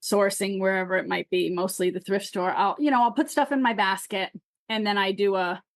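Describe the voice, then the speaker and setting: A woman's voice: medium pitch, fairly even intonation, a little fast, no echo, clean studio sound. A woman from California, a guest on a podcast, chatting in a friendly, agreeable way and often saying yes. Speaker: guest seller. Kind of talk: casual chat on a podcast.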